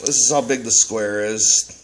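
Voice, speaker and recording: A man's voice: mid-range voice, fairly even intonation, unhurried, noisy background. A middle-aged man vlogging in casual chat, grumbling and swearing, laughing often.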